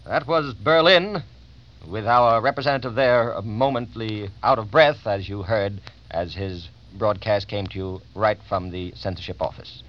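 A man's voice: fairly low pitch, a little slow. Male network news announcer, formal bulletin delivery, old 1940s radio sound, muffled. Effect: old 1940s radio broadcast. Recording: dull lo-fi vintage radio.

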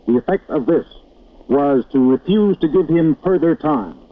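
A man reading radio news bulletins in a measured, formal newsreader manner, heard as an old lo-fi radio broadcast. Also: fairly high pitch, animated, no room sound. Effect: old lo-fi radio broadcast sound. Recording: tinny narrow-band vintage radio broadcast.

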